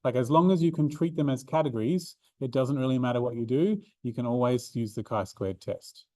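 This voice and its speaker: In a university classroom with no echo, a chatty Australian maths tutor delivers a revision seminar lecture to a statistics class. His mid-range voice is dark in tone and fairly quick, and he keeps saying um and restarting his sentences.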